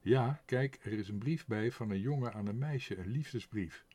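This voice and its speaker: A man voicing a kind, honest father in an audiobook, speaking gently but firmly. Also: lowish voice, normal speed, natural voice. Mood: gentle, firm. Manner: gentle, calm and firm. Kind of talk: audiobook character voice.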